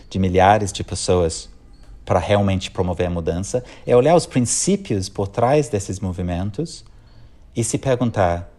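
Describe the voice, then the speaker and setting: A middle-aged Englishman with an English accent speaks Portuguese as a second language, answering interview questions thoughtfully and in a measured way as a conflict mediator. He pauses and restarts phrases as he thinks, and his voice is fairly low in pitch with a darkish tone.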